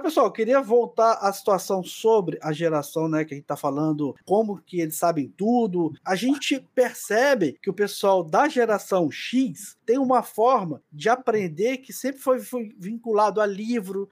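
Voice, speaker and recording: A middle-aged man hosting a casual live panel discussion, chatty and animated, joking with the guests. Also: sits high, normal speed, hardly any pauses.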